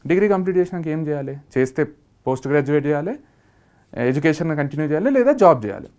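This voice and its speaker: A man with a Telangana Telugu accent, a startup founder telling a personal story in a lively way and acting out what his family said. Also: a little high, fast talker. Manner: lively, acts out family members' quoted lines.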